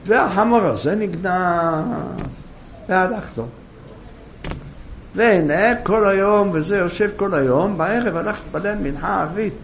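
A man with a high, gravelly voice tells a sermon story with lively, animated delivery. Faint noise sits behind him. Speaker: rabbi telling a moral story.

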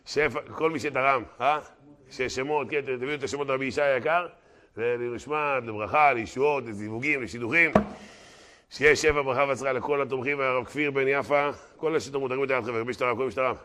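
A male rabbi giving an animated Torah lesson to a live audience, breaking into loud exclamations, then rallying donations in quick patter. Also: medium pitch, a little hiss or hum. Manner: dramatic, bursts into loud exclamations; brisk auctioneer-like fundraising patter. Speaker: rabbi teaching a Torah class. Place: class hall with a live audience.

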